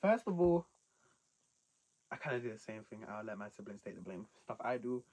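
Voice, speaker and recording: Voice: mid-range voice, big pitch swings, a little fast, a little mellow. A young British adult chatting casually as a video host, reacting to confessions with slangy, incredulous rhetorical questions.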